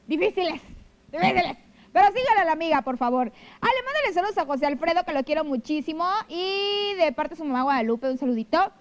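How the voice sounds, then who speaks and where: Holding a handheld mic in a TV studio, this live-show host speaks in a high voice with a Mexican Spanish accent. She's chatty and affectionate, reading out viewers' messages and gushing with pet names, though the recording quality is low.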